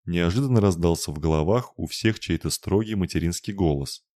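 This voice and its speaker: Низкий мужской голос чтеца. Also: male voice, low voice, brisk, a little mellow, no room sound, studio quality. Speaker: audiobook reader. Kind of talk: audiobook narration.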